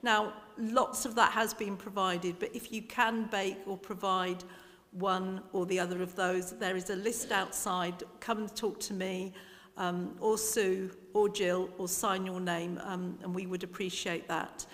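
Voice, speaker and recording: A woman's voice: medium pitch, level tone, unhurried, fairly bright tone. A woman giving informal church notices from memory. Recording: reverberant church hall.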